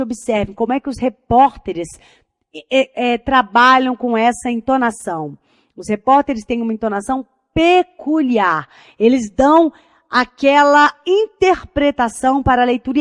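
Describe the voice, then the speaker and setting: Woman, Brazilian accent, teacher, energetic chatty lecture, fairly high voice, dry sound. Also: no echo. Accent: Brazilian Portuguese. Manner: energetic, chatty, addresses students as a group. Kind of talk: lively classroom lecture.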